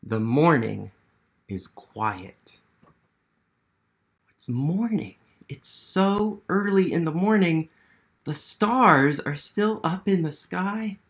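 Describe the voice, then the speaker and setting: Speaking slowly with frequent pauses, this man has a fairly high, animated and creaky voice. He's an American in his thirties who works as a museum literacy educator, leading a children's read-aloud indoors in a small home living room, where he poses questions and cheers on young listeners.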